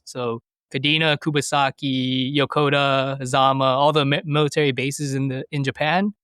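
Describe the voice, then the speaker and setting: A man in his thirties from the United States appears as a podcast guest in a conversational interview, answering thoughtfully with many fillers and restarts. His medium-pitched voice is clean and fairly bright, recorded in studio quality with no echo.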